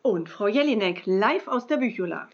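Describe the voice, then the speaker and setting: A woman reading a children's book aloud in a calm, steady storytelling voice. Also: medium pitch, normal speed. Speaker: school librarian reading aloud. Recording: dull lo-fi recording.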